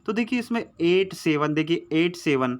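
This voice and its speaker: A man's voice: a little high, lively intonation, normal speed. A man teaching exam memory tricks in a chatty, coaxing way. He repeats his mnemonics over and over and keeps calling his viewers friend. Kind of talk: casual chatty Hindi lesson. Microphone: phone recording.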